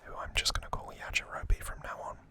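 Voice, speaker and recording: Whispering breathily without voicing, a male ASMR host delivers a recap softly, one short, deliberate phrase at a time.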